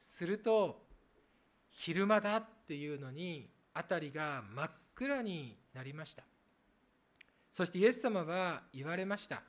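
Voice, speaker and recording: A pastor preaching an earnest sermon to the congregation, turning gently at times to speak to the children. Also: medium pitch, measured pace. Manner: lively rises and falls for emphasis.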